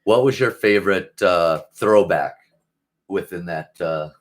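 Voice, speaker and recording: A man co-hosting a casual wrestling talk show, giving strong opinions, giggling, and dropping his voice low when he muses. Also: unhurried. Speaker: podcast co-host.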